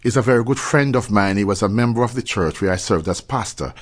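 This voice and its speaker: A Jamaican man talks in a low-leaning, husky voice. He explains things conversationally as an interview guest, choosing his phrases with deliberate care. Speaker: interview guest, church leader and former pastor.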